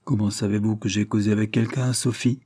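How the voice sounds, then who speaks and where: A man reading aloud who voices a loyal, indignant manservant in a low, husky voice close to his own. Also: flat delivery, brisk, mellow, dry recording, close to an everyday voice. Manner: earnest, shocked.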